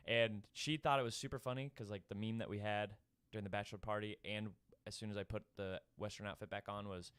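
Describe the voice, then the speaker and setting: A man's voice: on the low side, steady tone, fast, a bit bright, clear, resonant tone, no room sound. A young man, a podcast host telling a long story in casual chat, full of fillers and laughs.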